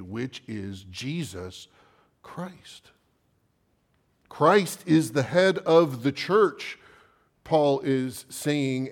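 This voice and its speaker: A man preaching an evening sermon, swinging from loud emphatic declarations to hushed, low phrases.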